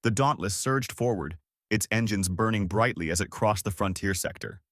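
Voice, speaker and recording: A man narrating a science-fiction story in a lively, dramatic way. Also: lowish voice, moderate pace, no room sound, clean studio sound. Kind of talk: scripted sci-fi story narration.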